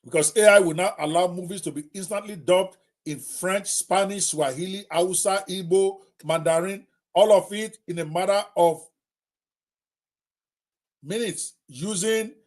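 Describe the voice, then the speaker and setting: Middle-aged Nigerian male host, emphatic, repeats points, talks straight to viewers, pitched on the high side. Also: unhurried. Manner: emphatic, repetitive, direct address to viewers. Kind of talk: live talk on technology.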